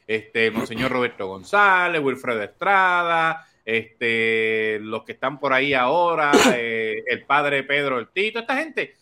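A Puerto Rican man hosting a podcast, telling stories in animated casual political chat and laughing often. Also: medium pitch, a little slow, hardly any pauses, smooth. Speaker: podcast host.

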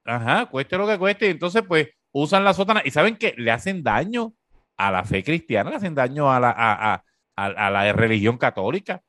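A man with a Puerto Rican accent hosting a talk show, giving sarcastic, animated political commentary full of fillers. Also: mid-range voice, normal speed, no room sound, clean studio sound.

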